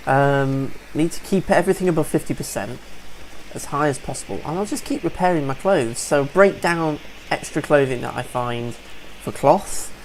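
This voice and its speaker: A let's-play gamer with a higher-pitched voice gives upbeat, casual commentary over a survival game, sniffling a bit from allergies and calling his viewers folks. The low-quality recording carries a little hiss or hum.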